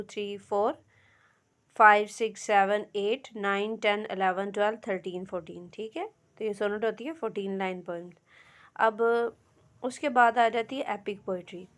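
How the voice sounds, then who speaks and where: A young woman, giving a patient lecture on English literature, mixing Urdu and English and counting syllables aloud. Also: fairly high pitch.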